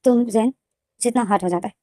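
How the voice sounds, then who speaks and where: Woman storyteller, mellow and dry, rambling delivery with restarts, casual fan story narration. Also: a little high, a little fast, no echo.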